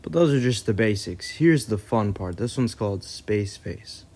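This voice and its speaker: A man's voice: fairly low pitch, animated, normal speed, a little mellow. A man hosting a casual tutorial, cheerfully demonstrating voice effects. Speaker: host.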